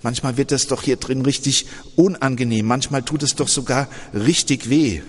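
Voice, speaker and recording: A man voicing an unborn girl in a sermon story, gentle and wondering. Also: mid-range voice, moderate pace, big-room sound, close to an everyday voice. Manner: hesitant, wondering.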